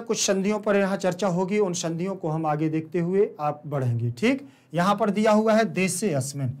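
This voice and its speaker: A man teaching a recorded online lesson with a Hindi accent, explaining step by step, repeating terms and answering his own questions. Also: sits high. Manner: checks in with "ठीक" often.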